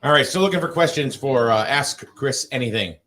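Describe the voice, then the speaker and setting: A man hosting a casual talk show, animated and laughing often, with plenty of ums. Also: medium pitch, fairly quick. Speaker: show host. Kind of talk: casual radio-style chat.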